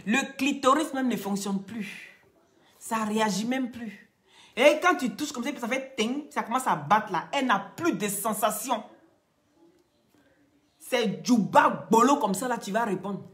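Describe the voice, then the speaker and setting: A woman talking casually to her viewers, animated and scolding, going from loud outbursts to quiet pleading. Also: fairly high pitch, measured pace. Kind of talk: casual chat, addressing viewers.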